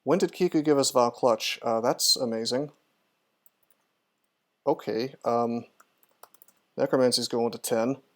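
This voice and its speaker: A male streamer chats his way through a video game, thinking aloud about each move and answering chat. His medium-pitched voice is unhurried, with frequent pauses.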